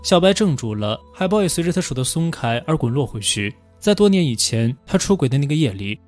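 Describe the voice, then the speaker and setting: A man narrating a film recap in a steady, scripted storytelling voice. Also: medium pitch.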